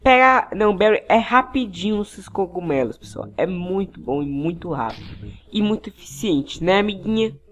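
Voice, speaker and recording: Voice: mid-range voice, animated, normal speed. Upbeat Brazilian gaming youtuber. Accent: Brazilian Portuguese. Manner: upbeat, addresses viewers constantly as "pessoal". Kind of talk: game tutorial commentary.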